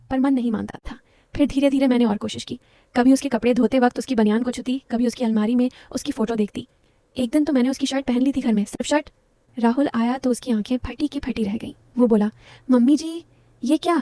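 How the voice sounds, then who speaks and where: A woman's voice: a little high, dark tone, dry recording. A woman narrating a first-person story in an intimate, confiding way, talking straight to her listeners.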